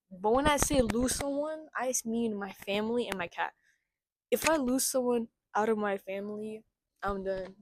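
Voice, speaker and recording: A woman's voice: mid-range voice, no echo, rough recording. Chatty young woman, dry close sound. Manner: chatty, full of fillers. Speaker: podcast guest. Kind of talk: casual podcast chat.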